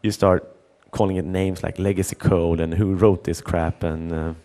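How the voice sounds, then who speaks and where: At a conference, a middle-aged man shares a story, playing out the dialogue and stumbling into many restarts and repeated words. His voice is low and warm, delivered flatly at a normal speed.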